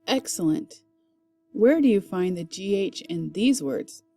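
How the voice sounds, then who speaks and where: A woman teaching phonics, leading a slow drill of word lists and enunciating each word carefully. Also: mid-range voice, expressive, mellow, faint music behind.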